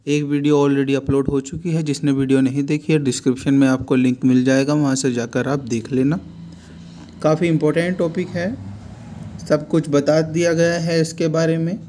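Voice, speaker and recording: A man teaching vocabulary, explaining word meanings slowly and repeating the words. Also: fairly high pitch, dark tone. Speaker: English teacher. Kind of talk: vocabulary lesson in Hindi.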